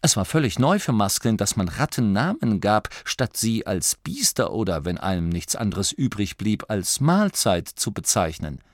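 A male narrator reads a storybook aloud with lively, expressive delivery. His pitch moves freely, and the sound is dry and close. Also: moderate pace, few pauses, no room sound. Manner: expressive, animated. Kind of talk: audiobook narration.

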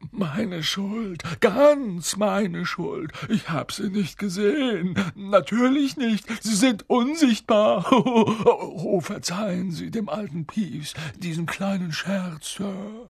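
A shrill, wheedling poltergeist of a storybook, sneering and mischievous. His voice swoops high and drawls the words out slowly. It sounds dry and close. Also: very animated, husky, dry recording, full character voice. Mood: slimy. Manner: wheedling, slimy, sing-song.

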